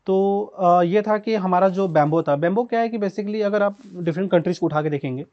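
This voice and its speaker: A man, a startup co-founder, answering podcast interview questions hesitantly with many filler pauses. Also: high-pitched, muffled recording.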